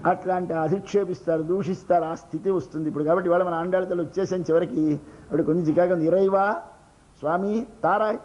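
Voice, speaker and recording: A man's voice: on the high side, little pitch movement, rapid-fire, warm tone, muffled recording. Older Telugu-accented man giving a sermon. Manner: explanatory, asks and answers his own questions, acts out little scenes. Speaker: religious discourse speaker. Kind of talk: devotional sermon.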